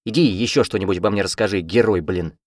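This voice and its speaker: A man voicing a feisty young woman student with a sharp, mocking tongue, in an audiobook. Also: fairly low pitch, lively intonation, a little fast, no room sound, clean studio sound, close to an everyday voice. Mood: defiant, mocking. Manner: mocking, combative.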